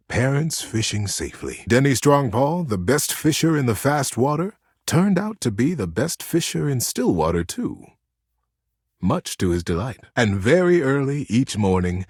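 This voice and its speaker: A man voicing an affectionate, gentle teddy bear who tells bedtime stories in a tender, earnest, theatrical way for a game. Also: medium pitch, breathy edge, no echo, clean studio sound, exaggerated voice. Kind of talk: expressive storybook narration and tender talk.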